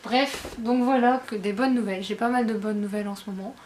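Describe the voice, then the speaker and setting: A woman with a fairly high voice chats casually about her recent book haul, pausing on fillers and restarting her sentences. A faint background noise sits under her voice. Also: fairly even intonation, darkish tone. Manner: chatty, hesitant, many fillers, laughs often. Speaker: book vlogger.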